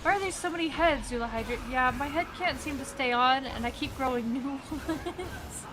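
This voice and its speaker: A woman's voice: high-pitched, normal speed. A young woman streaming a game, chatting casually and giggling as she talks to the characters. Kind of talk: casual gameplay commentary. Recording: game sound noise behind.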